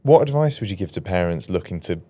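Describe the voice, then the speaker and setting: A man hosting a podcast, asking curious, thoughtful questions and giving soft affirmations. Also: deep voice, lively intonation, fast. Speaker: podcast host. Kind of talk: interview questions.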